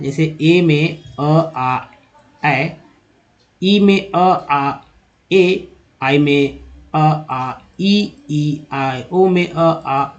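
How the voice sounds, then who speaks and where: A man giving a spoken lesson on English spelling and pronunciation, who keeps asking rhetorical questions and answering them, and who repeats the sounds slowly. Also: a little high, a little mellow. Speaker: English teacher. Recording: dull lo-fi recording.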